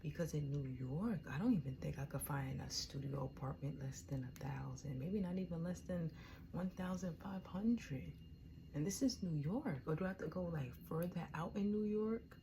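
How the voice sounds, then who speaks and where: A woman's voice: sits low, moderate pace, creaky, noisy background. An American woman chatting casually and colloquially to viewers between bites as she eats for a mukbang. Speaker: mukbang host. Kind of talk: casual mukbang chitchat while eating.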